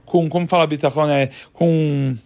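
High-voiced man telling a children's story. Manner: animated, dramatic pauses.

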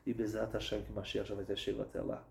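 A man, telling a sermon story dramatically, dropping low and soft, then building to loud outbursts. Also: completely flat delivery, quick pace, vocal fry, echoey room, a little hiss or hum. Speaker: religious speaker.

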